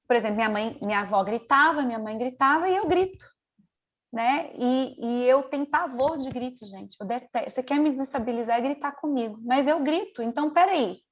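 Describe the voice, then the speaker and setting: Woman mentor, middle-aged, high bright voice, earnest teaching manner, dull lo-fi call sound. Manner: earnest, conversational, piles up rhetorical questions. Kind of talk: online mentoring lesson.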